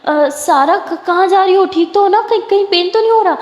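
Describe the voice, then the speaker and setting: A woman's voice: extremely high pitch, pitched above the performer's own voice. A woman voicing a caring, playful young woman who fusses over her partner, in a storytelling recording. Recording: echoey room with long reverb.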